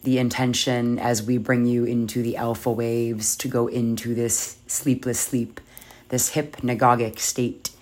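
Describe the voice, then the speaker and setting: A meditation guide leading yoga nidra in a soft, soothing, measured voice with long pauses. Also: medium pitch, level tone.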